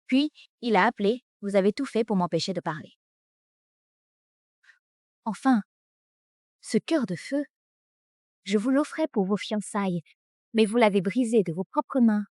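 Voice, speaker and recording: A woman's voice: medium pitch, lively intonation, a little slow, long pauses, darkish tone, no room sound, studio quality, close to an everyday voice. A woman voicing a composed, cutting young heiress in a French melodrama dub. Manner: cold, cutting. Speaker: dubbing actress.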